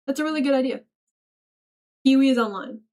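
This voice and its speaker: A woman's voice: high voice, fairly quick, darkish tone. A young woman streaming, reading chat aloud and joking back in a playful, mock-serious way. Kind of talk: casual livestream chat.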